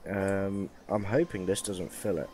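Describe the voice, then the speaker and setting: A man's voice: low voice, steady tone, a little slow, mellow, slight background noise. A young man giving casual, rambling commentary over a mining game, tired and joking at his own expense. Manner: rambling, self-mocking, chatty. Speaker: gaming YouTuber.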